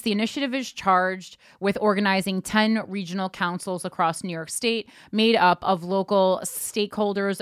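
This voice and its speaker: A woman's voice: on the low side, a bit bright, clean tone, dry recording, clean studio sound. Blunt, sarcastic woman reading news. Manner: blunt, sarcastic, swears freely. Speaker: podcast co-host. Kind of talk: casual chat and reading news aloud.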